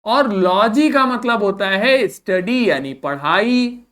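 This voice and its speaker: This is a male teacher running a pronunciation drill in class, speaking slowly and deliberately. He says each word several times over and keeps asking the students to repeat it, with patient quizzing questions. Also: sits high, expressive, fairly bright tone. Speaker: English vocabulary teacher.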